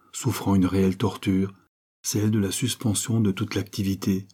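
A man reading a novel aloud in measured, dramatic scripted narration. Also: on the low side, warm tone, husky. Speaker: audiobook narrator.

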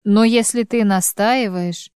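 A woman reading an audiobook, voicing a calm husband who teases his wife in a dry, unhurried way. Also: mid-range voice, smooth, dry recording, close to an everyday voice. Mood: mocking. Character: calm, mocking husband on the phone.

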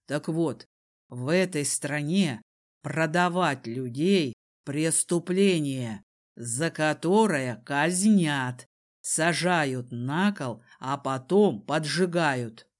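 A woman voicing a powerful man who threatens calmly and mockingly, in a slow, dropped voice. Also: deep voice, voice pushed down. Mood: menacing. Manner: slow, calm, mocking menace.

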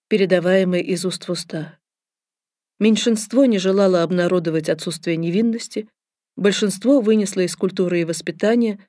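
A woman's voice: fairly low pitch, dark tone, no room sound. Audiobook reader: a woman with a wry, ironic delivery and a dry, close sound. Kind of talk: scripted first-person narration.

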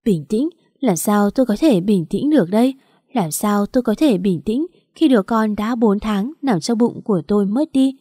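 A woman's voice: mid-range voice, lively intonation, moderate pace, warm tone, no room sound, studio quality, close to an everyday voice. A woman voicing a young pregnant woman who pleads and cries out in despair. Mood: anguished. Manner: sobbing, desperate pleading.

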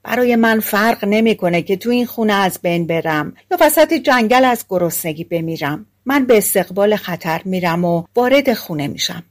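A woman's voice: mid-range voice, lively intonation, hardly any pauses, lightly acted. A woman voicing a bold, hungry young male ex-soldier in a storybook, speaking bluntly and with some liveliness.

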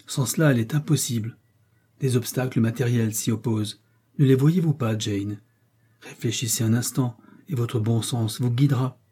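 A stern young missionary man who presses his point without letting up, brief and commanding, as a male reader gives him voice. The voice is mellow and a little husky, with a soft, unforced tone. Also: mid-range voice, normal speed, natural voice. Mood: insistent.

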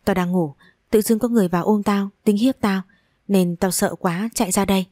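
A woman's voice: medium pitch, steady tone, brisk, dark tone, dry recording, clean studio sound, close to an everyday voice. A woman voicing a frightened, blunt young man who is the boyfriend's best friend in a spoken story. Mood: flustered.

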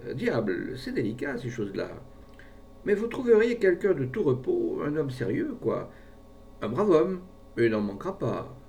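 A cunning pharmacist with a persuasive, jolly patter, as a narrator puts him on. His gravelly voice leaps high on every sales pitch. It's heard from a distance over a faint rumble. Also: big pitch swings, brisk, hardly any pauses, darkish tone. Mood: coaxing. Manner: persuasive, wheedling, falsely jovial. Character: scheming smooth-talking male pharmacist.

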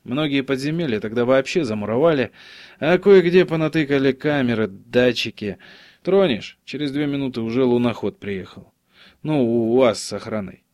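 A man's voice: mid-range voice, lively intonation, normal speed, darkish tone, no room sound, clean studio sound, close to an everyday voice. A man voicing a casual, streetwise young male urban explorer who talks in an offhand, slangy way. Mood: storytelling.

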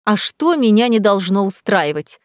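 Woman voicing a spoiled, shrill young bride. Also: very animated, normal speed, dry recording, studio quality, lightly acted. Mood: defensive. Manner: shrill outbursts, lying, pleading.

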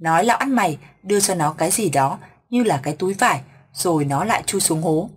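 A woman narrating a ghost story in a steady, measured way, with a husky voice. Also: on the low side.

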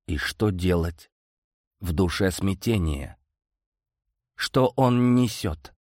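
A man's voice: low-pitched, animated, takes it slowly, darkish tone, dry recording, studio quality. A man narrating a first-person audiobook story.

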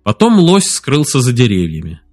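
A man narrating an audiobook in a measured, steady reading voice. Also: medium pitch, soft background music. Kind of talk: scripted narration.

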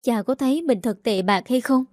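A woman voicing a headstrong, outspoken young daughter who talks quickly and heatedly. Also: a little high, a little mellow, dry recording, clean studio sound, lightly acted. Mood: heated defiant.

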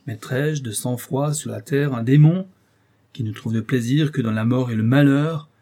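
A man narrating a first-person literary audiobook in a measured, solemn way. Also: mid-range voice, mellow.

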